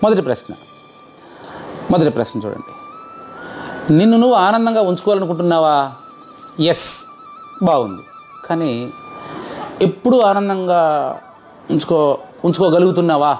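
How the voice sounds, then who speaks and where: A man's voice: high voice, lively intonation, moderate pace, long pauses, a little mellow, faint music behind. A man teaching a group, asking his audience questions over and over and checking their answers. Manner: quizzes audience, repeats questions. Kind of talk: interactive lecture.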